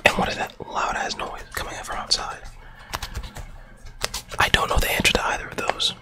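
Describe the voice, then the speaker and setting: A young man whispering quickly and repetitively in an ASMR style, very close to the mic. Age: young adult. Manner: whispering, repeating trigger words quickly. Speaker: ASMR host. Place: small bedroom, indoors. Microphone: large foam-covered mic, very close.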